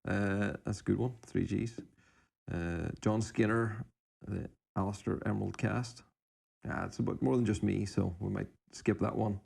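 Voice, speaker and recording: A man with a fairly low, creaky voice co-hosts a podcast. He reads out items casually and adds short, informal comments without a script. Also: fairly even intonation, moderate pace, a little mellow. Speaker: podcast co-host. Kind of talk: casual unscripted chat, reading out listener suggestions.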